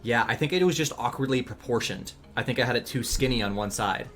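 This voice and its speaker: A man chatting casually while drawing on a livestream, relaxed and rambling, thinking aloud with ums and laughs. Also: mid-range voice, fast talker, soft background music. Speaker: streamer and animator.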